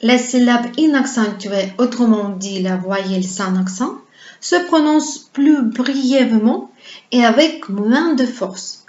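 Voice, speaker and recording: Slow, patient woman teaching a language. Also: a little high, a little mellow. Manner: explains patiently and asks viewers to repeat words. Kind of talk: slow, carefully paced pronunciation lesson. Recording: roomy, slightly dull lo-fi sound.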